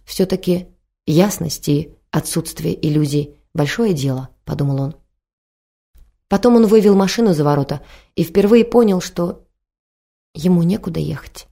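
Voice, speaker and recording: A woman reads a storybook in a calm, measured way. Her voice sits low and sounds warm and mellow. The delivery is steady, scripted audiobook narration. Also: gravelly.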